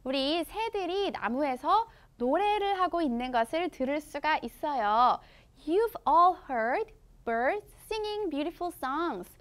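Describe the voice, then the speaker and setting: A woman with a Korean accent teaching children English through a picture book, reading the English slowly and explaining each part in her own language. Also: high voice, animated, fairly bright tone. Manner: slow, exaggerated English read-aloud with quick explanations in her own language. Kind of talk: bilingual storybook lesson for children.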